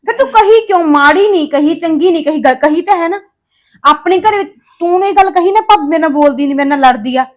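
An actress playing a stern sister-in-law who lectures a younger girl with sharp retorts. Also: very high voice, steady tone, fast. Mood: scolding.

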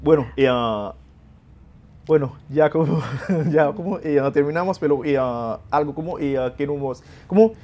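A man hosts an interview on a TV studio set. He asks his questions slowly and haltingly, with lots of fillers between his words. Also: a little high, warm tone, dull audio. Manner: halting, filler-heavy phrasing. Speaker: TV show host.

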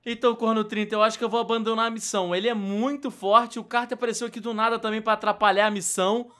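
A young Brazilian man with a high voice rattles off excited Minecraft let's-play chatter at a rapid clip. He turns frantic and shouty whenever a fight heats up. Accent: Brazilian Portuguese. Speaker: gaming YouTuber host.

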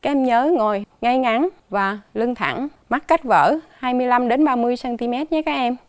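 A woman teaching children a dictation lesson, slowly and carefully spelling out each sound and tone mark, with a Southern Vietnamese accent. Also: fairly high pitch, dry recording. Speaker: primary school teacher.

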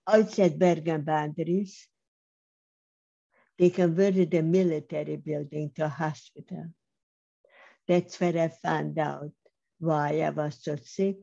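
Slow and gravelly, an older Holocaust survivor tells her personal testimony in a measured, emphatic way, pausing often. Her voice sits low and mellow with a flat delivery. Speaking from a home room over a video call on a webcam mic, she comes through in slightly dull, lo-fi audio.

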